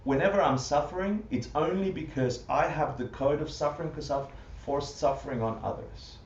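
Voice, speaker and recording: A man teaching a Buddhist class live to an audience, animated, full of rhetorical questions and often laughing. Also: on the high side, moderate pace, slight background noise. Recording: roomy, distant, muffled livestream audio.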